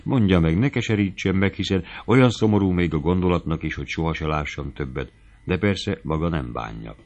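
A man doing a coaxing young gentleman suitor. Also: sits low, close to an everyday voice. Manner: soft, coaxing murmur.

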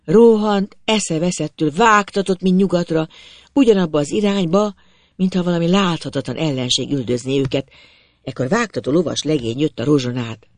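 A man narrating a literary story in the first person, with measured, expressive storytelling. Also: on the high side, no echo.

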